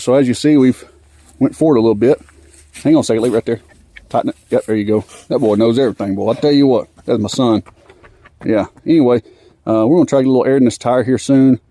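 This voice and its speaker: A man's voice: medium pitch, dark tone, no echo. A man giving casual working commentary while fixing an old truck. He is out of breath and rambles, with many fillers. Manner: rambling, filler-heavy, laid-back.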